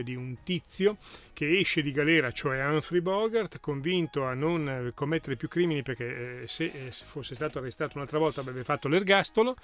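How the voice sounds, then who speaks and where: Male host, mid-range voice, chatty hesitant explainer. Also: medium pitch. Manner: hesitant, filler-laden explaining. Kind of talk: casual literary commentary.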